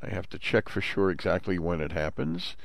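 A man, hosting a Torah commentary talk in a measured, explanatory way and using Hebrew terms. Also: low voice, big pitch swings, vocal fry, no echo. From Brooklyn, New York. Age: 60s. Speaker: host.

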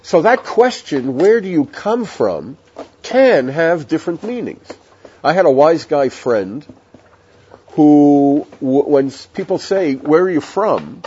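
A man's voice: fairly high pitch, very animated, slow pace, warm tone, husky. Man teaching Torah, lo-fi recording. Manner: conversational, digressive, tells jokes. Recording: dull lo-fi audio with faint hiss.

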